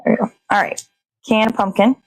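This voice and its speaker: An American woman with a steady voice on the high side talks briskly while cooking in her home kitchen, where she hosts a morning show. She's casual, rambling and sweary. The recording sounds dry and low quality.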